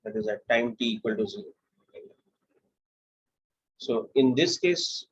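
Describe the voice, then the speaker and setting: Indian guy teaching physics, kinda husky voice, muffled lo-fi sound, explains each step slowly. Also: medium pitch. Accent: Indian English. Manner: steady, explanatory, walks through steps aloud. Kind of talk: classroom lecture.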